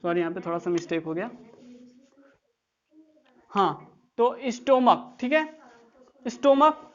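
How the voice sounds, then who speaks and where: A woman's voice: mid-range voice, animated, unhurried, dull audio. A woman teaching English grammar in an online class, explaining step by step and often checking that students follow.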